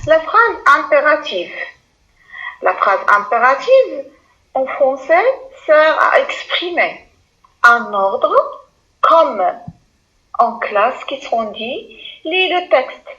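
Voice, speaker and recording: A woman's voice: high-pitched, big pitch swings, drawn-out words, long pauses, sharp tone, lo-fi sound. A woman teaching a lesson to primary school pupils, speaking patiently, repeating words and addressing the class directly.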